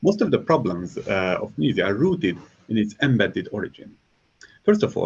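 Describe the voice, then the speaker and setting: A man from Hungary, a software engineer, giving a scripted conference presentation in a measured, explanatory way with touches of dry irony. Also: lowish voice, creaky, husky. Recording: slightly dull, muffled recording.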